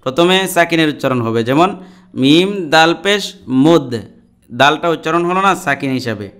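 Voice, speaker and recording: A man's voice: a little high, lively intonation, normal speed, fairly bright tone, clear, resonant tone. A man teaching Quran reading, spelling out letters and vowel marks syllable by syllable, chanting words drawn out, and turning to the viewers to explain. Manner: addresses viewers directly in explanations. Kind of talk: slow spelled-out recitation lesson.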